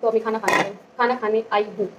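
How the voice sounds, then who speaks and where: A young woman vlogging at home in casual, fast, chatty talk. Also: a little high, flat delivery, far from the mic. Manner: quick, chatty, talks fast by her own account. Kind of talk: casual vlog chat. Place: home kitchen with dishes about. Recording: home video with noisy background.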